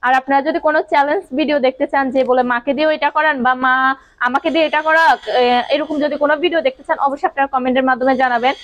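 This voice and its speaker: A woman's voice: high-pitched, steady tone, quick pace, a bit bright, no echo. A woman vlogger from Sylhet chatting casually and talking straight to her viewers. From Sylhet, Bangladesh. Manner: chatty, addresses viewers directly. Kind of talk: casual family vlog chat.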